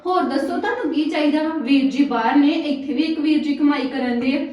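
A woman playing a sharp-tongued sister-in-law, echoey room. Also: high-pitched, muffled recording, close to an everyday voice. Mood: complaining. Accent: Punjabi. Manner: quarrelsome, complaining, quick to take offence. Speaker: actor in a family drama. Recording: very echoey room, mic at a distance.

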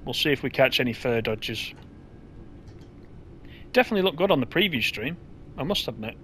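Man, relaxed gameplay commentary, chatty and easygoing, middle pitch, faint hum behind. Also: fairly quick. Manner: chatty, easygoing, thinks aloud with fillers.

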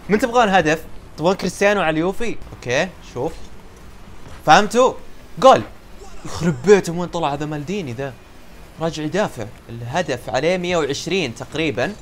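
A young man giving excitable live commentary on a car soccer game, yelling at goals and teasing his teammates. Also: fairly high pitch, quick pace, slight background noise. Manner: excitable, shouts at goals, trash-talks teammates. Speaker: gaming YouTuber.

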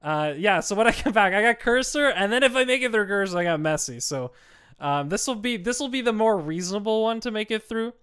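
A man's voice: high voice, animated, fairly quick, fairly bright tone, clean tone. A young man streaming a game, talking casually in a rambling, conversational way. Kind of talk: casual livestream chat. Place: small indoor room at home.

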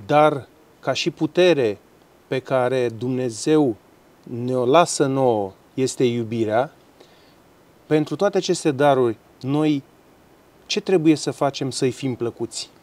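A man's voice: mid-range voice, darkish tone. Respectful male podcast host. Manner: measured, respectful questioning. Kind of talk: interview questions.

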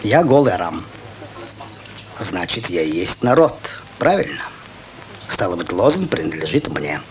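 An actor playing a sly, cheeky village rogue with a self-assured, bantering way of arguing in a comedy-drama film. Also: male voice, low voice, very animated, a little slow, noisy background. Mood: sly, defiant.

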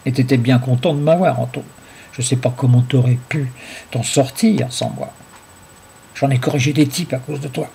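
Hulking dim brute, gruff and blunt, mellow dark tone, read by a man. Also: mid-range voice, fairly even intonation, moderate pace, slight background noise, close to an everyday voice. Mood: boastful. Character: hulking dim-witted brutish adult man.

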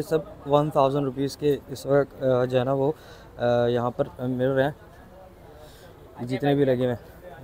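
A man's voice: mid-range voice, warm tone. A man, chatting enthusiastically as he tours an outdoor city bazaar with a handheld phone camera and asks shopkeepers for prices. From Pakistan. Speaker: vlogger touring a market. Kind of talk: casual walking market tour vlog.

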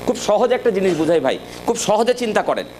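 Emphatic high-voiced male sales trainer. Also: big pitch swings, a little fast, background noise. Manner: emphatic, direct, repeatedly checks the audience understands. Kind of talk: live sales training talk to staff.

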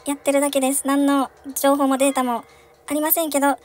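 A woman's voice: high-pitched, flat delivery, fast talker. A young woman commentating a horror chase game, giggling often and shrieking when chased. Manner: giggly, frequent laughter, shrieks in panic. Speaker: game streamer. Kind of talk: let's-play commentary.

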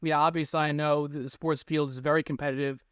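A man's voice: fairly high pitch, little pitch movement, quick pace, a bit bright, smooth, no echo, studio quality. Teenage boy talking, full of "like". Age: teens. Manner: rambling, lots of "like". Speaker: guest, baseball analytics tweeter. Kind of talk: casual interview answers. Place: small room indoors. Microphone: webcam on a video call.

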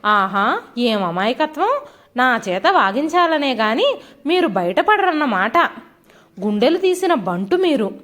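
A woman's voice: high voice, big pitch swings, measured pace, a bit bright, full character voice. A woman voicing a tired middle-aged husband who answers his wife with irritation and tries to reason with her. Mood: irritated. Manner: irritated, placating.

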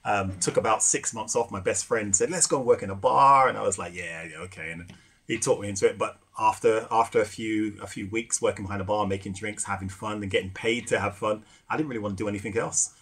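A middle-aged man telling stories in a relaxed podcast chat, with many fillers and restarts. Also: on the low side, fast, husky. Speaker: guest, rum ambassador and former bartender. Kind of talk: casual podcast conversation.

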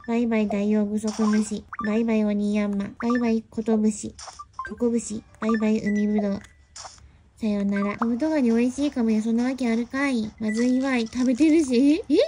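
A young woman giving casual let's-play commentary, playful and teasing and quick to laugh. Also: fairly high pitch, mellow, a little hiss or hum. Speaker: game commentator.

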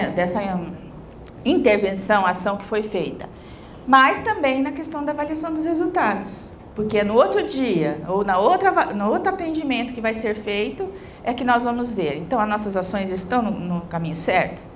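A woman's voice: a little high, a little hiss or hum. A middle-aged woman giving a conference lecture into a handheld mic in a large hall, explaining step by step and checking in with tag questions.

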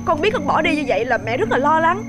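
A woman's voice: high-pitched, very animated, fast, over music. An actress with a Southern Vietnamese accent playing a worried, protective single mother in a TV family drama. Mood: scolding. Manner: urgent, pleading, then firm and cool. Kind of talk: television drama acting.

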